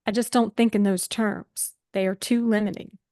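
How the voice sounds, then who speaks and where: A woman with a medium-pitched, dark-toned voice speaks at a normal speed with fairly even intonation, recorded with no room sound and sounding close to an everyday voice. She's reading an improvised script as a gloomy, blunt young female writer with an American Southern accent, coming across dry and contrary.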